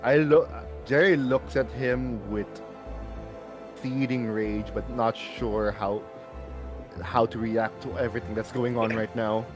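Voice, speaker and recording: Male tabletop player, average-pitched, conversational, faint music in the background. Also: steady tone, unhurried. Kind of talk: casual in-character description.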